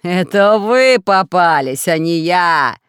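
A woman voicing a menacing male lord of plants, a mad gardener villain in a children's audiobook, speaking slowly and threateningly. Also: on the low side, expressive, a bit bright, smooth, no room sound, clean studio sound. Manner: slow and threatening.

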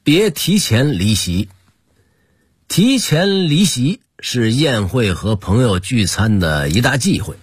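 A man with a Beijing accent, hosting a radio talk, telling stories about old customs like a lively storyteller. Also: medium pitch, husky, soft background music. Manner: lively storyteller, drawn-out emphasis. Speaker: radio host.

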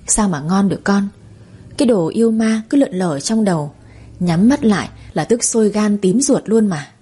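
A woman voicing a spiteful, sharp-tongued middle-aged mother-in-law in a spoken story. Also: mid-range voice, expressive, moderate pace, breathy edge. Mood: scornful scolding.

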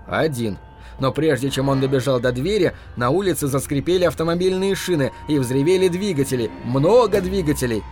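Guy reading an audiobook, kinda high voice, faint music in the background. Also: darkish tone. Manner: storytelling first-person narration with dramatic shifts for characters. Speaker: audiobook narrator. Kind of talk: audiobook narration.

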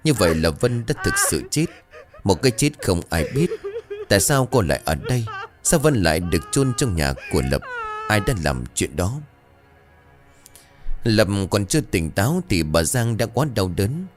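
A man's voice: lowish voice, very animated, normal speed, over music. A man narrating a ghost story in a dramatic, scripted storytelling manner.

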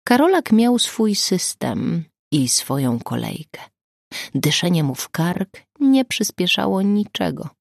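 A woman narrating an audiobook in steady scripted storytelling. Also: on the low side, slow, creaky, no room sound, studio quality.

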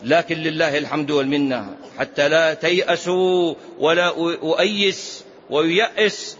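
A man's voice: fairly high pitch, moderate pace, fairly bright tone. A man, a sheikh, giving a religious lesson with impassioned emphasis. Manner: impassioned, rising to emphatic peaks on lists. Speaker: sheikh teaching a text. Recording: dull lo-fi lecture recording with faint noise.

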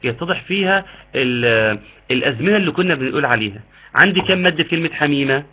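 A man with an Egyptian accent leads an online recitation class, his voice on the higher side for a man. It comes through a tinny, phone-like line and sounds husky. He explains patiently, stopping to model slow, drawn-out recitation. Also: expressive. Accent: Egyptian Arabic. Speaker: Quran recitation teacher. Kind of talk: online tajweed lesson.

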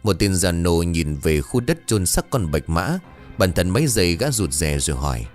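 A man narrating a scripted ghost story in a dramatic, expressive way. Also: deep voice, normal speed. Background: faint music.

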